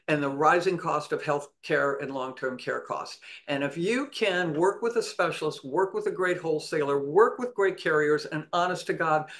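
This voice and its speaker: A woman speaks as a guest on an online panel. Her delivery is earnest and motivational, like a coach rallying a team. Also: low-pitched. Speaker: panel guest, former elite swimmer. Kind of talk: webinar panel talk.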